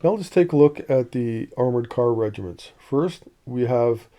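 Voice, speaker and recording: Hesitant man with a very dark voice. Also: mid-range voice, a little slow. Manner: relaxed, hesitant, many "uh" fillers. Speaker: badge collector presenting a video series. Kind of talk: casual show-and-tell explanation.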